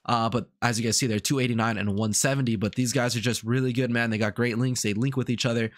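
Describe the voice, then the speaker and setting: Fast-talking and steady in tone, a medium-pitched gaming YouTuber rambles his way through game commentary while congested from a cold. He sounds sick, repeats himself often and uses plenty of fillers.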